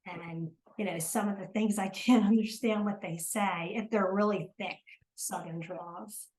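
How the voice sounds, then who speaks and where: A woman's voice: medium pitch, steady tone, a little slow, a little mellow, low-quality recording. An older woman from South Jersey with a South Jersey accent, chatting as an interview guest, hesitant with many ums and restarts. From South Jersey, USA. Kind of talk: casual interview chat.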